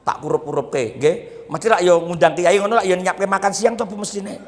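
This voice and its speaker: A man's voice: high-pitched, steady tone, normal speed, in a large hall, background noise. A man with a Javanese accent giving a humorous Islamic sermon at a boarding school, teasing the audience as he preaches. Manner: jokey, teasing the audience, mixing Javanese and Indonesian.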